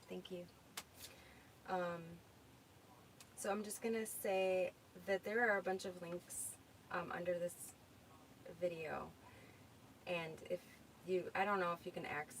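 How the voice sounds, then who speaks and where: Low-voiced woman with a Minnesota accent. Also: fairly even intonation, measured pace, poor audio. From United States. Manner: chatty, thinking aloud while searching. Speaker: livestream host. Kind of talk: casual livestream chat reading comments. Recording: faint background noise.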